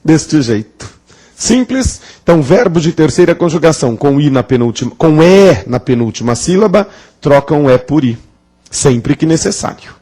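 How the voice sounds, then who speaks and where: A man's voice: on the high side, very animated, normal speed, dark tone. A man teaching a grammar lesson at a classroom blackboard, playful, asking the class questions and drawing out words for emphasis. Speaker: Portuguese teacher.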